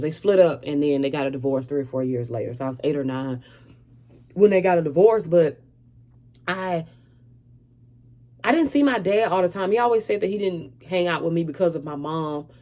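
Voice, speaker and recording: A woman's voice: deep voice, normal speed, darkish tone. A woman in her thirties speaking frankly and earnestly to camera about her own life, with frequent hesitant fillers. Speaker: vlogger sharing her story. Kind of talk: candid personal testimony to camera.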